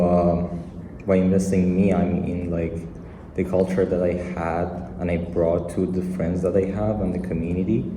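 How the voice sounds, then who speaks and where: A man's voice: low-pitched, mellow, slight background noise. A young man giving a short, hesitant speech as a student at an event. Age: young adult. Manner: hesitant, many fillers. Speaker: student speaker. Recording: reverberant hall, mic far off.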